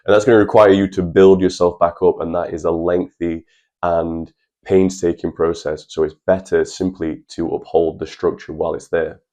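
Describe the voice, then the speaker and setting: Deep-voiced young man. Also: flat delivery, moderate pace, warm tone. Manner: earnest, chatty, addresses viewers as lads. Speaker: channel host. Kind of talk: personal advice vlog.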